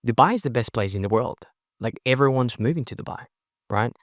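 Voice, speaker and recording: In a mid-range voice, a young Chilean networking event organizer talks fast as a podcast guest, punctuating his casual, energetic interview answers with "right?". He's a native Spanish speaker whose accent mixes Spanish and Australian, and he speaks emphatically. The studio sound is clean and dry.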